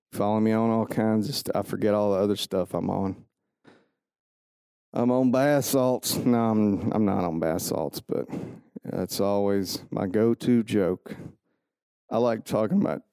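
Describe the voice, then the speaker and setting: Podcast dude, slow and mellow, rambling and self-mocking, clean dry close mic. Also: male voice, lowish voice, smooth, dry recording. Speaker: podcast host. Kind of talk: rambling solo podcast talk.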